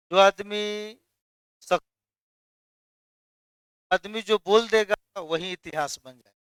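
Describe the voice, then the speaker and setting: Male chemistry tutor, high clear voice, dry close sound, quizzes the class and supplies the answers. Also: fairly bright tone, dry recording. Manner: quizzes students, then answers his own questions. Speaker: chemistry teacher. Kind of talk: classroom lecture.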